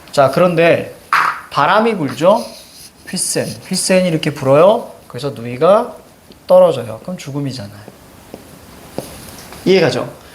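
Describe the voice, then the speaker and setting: A male teacher leads a classroom lesson with a lively, swooping delivery. His voice sits a little high for a man. He keeps stopping to quiz his students and check they follow. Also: a little hiss or hum. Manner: animated, questioning students, drawing on a board. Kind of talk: classroom lecture.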